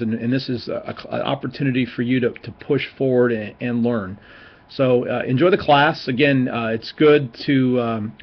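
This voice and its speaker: A seminary professor in his forties gives an informal, encouraging talk for a recorded online class, full of fillers and restarts. His voice is mid-range, and the recording has its highs cut off.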